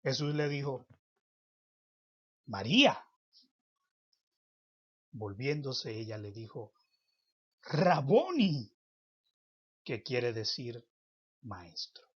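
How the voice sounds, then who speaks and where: A man teaching a Bible lesson in a preaching style, with emphatic, drawn-out phrasing and sudden loud stresses. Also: medium pitch. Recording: dull lo-fi recording.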